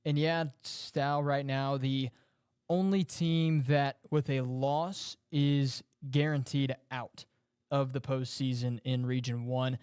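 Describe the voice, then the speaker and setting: Male sports co-host, clear, smooth analytical read, dry close mic. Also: medium pitch, level tone, slow pace, darkish tone, no room sound. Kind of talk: high school football talk show.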